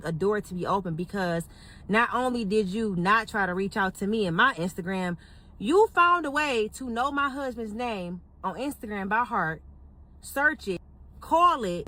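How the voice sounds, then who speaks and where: A woman telling a personal story in a casual rant, animated and indignant, swearing and acting out what others said. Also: a little high. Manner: animated, indignant, swears, quotes people in a rising voice. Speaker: storyteller venting on a social video.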